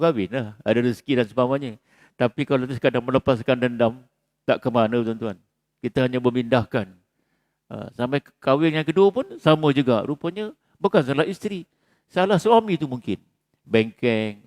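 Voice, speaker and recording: A male preacher with a Malaysian Malay accent gives a dawn lecture in a mosque. He speaks in a lively way, acts out household quarrels and often asks "ya?". His voice sits at a middle pitch, and the recording is dry and close. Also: dry recording. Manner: animated, acts out quarrels, peppers talk with "ha" and "ya?".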